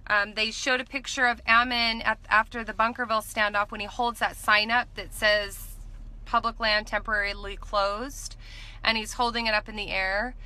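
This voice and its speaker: Female, thirties. Bright, forceful tone at a middle pitch, earnest informal recap read from notes. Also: little pitch movement, moderate pace. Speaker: vlogger recapping a court trial. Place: inside a parked car at night. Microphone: phone or camera at arm's length.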